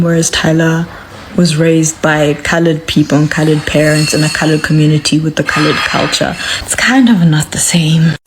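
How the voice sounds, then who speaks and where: A woman's voice: low-pitched, background noise. A woman from Africa, explaining in a matter-of-fact way. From South Africa.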